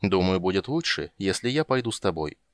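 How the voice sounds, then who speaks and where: A man voicing a calm young male mage with a dry, sarcastic, measured manner in an audiobook. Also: low voice, dry recording.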